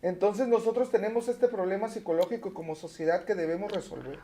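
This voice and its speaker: A man's voice: high voice, a little fast, dark tone. A man with a Mexican accent, a teacher and guest, explaining his views in an easy lecturing way with frequent tag questions. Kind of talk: casual interview chat.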